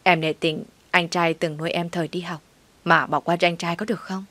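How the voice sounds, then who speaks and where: A woman's voice: fairly low pitch, fairly even intonation, fairly quick, fairly bright tone. Woman voicing a cold, curt husband. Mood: pleading. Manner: curt, scolding. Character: cold, harsh young husband walking out.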